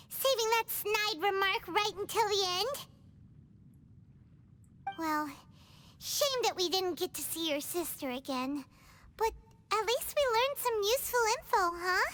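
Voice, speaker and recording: Small, bubbly game fairy: very high and squeaky, lively swoops, slight noise. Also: female voice, full character voice. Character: small chirpy floating fairy companion, chatty.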